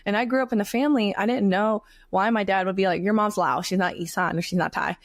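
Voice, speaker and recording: A woman's voice: mid-range voice, fast, no room sound, clean studio sound. A woman from North Carolina, a podcast guest, speaking in an earnest, reflective way with frequent fillers like "like" and "you know.". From North Carolina, USA. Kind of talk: casual conversational interview.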